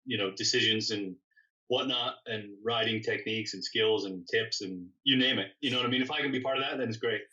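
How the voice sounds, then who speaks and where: A custom motorcycle builder, born in England and raised in Canada, tells stories casually as an interview guest in a lowish, bright, forceful voice at a fairly quick pace. He rambles, corrects himself, often doubles back on his words, and is self-deprecating. The mic sounds a bit distant, and the recording is somewhat dull.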